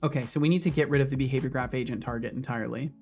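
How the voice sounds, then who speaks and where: A relaxed man in his thirties, a streamer and game developer, codes live from his home office and chats with viewers in a medium-pitched voice at a racing pace. Soft music plays behind his casual asides.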